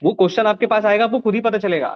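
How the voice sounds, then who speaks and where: A man's voice: sits high, very fast, highs cut off. A man teaching a live programming class, explaining step by step and often checking that the students follow.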